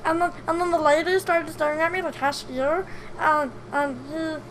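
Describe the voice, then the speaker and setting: Bright high-pitched young woman guest, giggly, animated storyteller; faint hiss underneath. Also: moderate pace. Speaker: podcast guest. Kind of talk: casual chat.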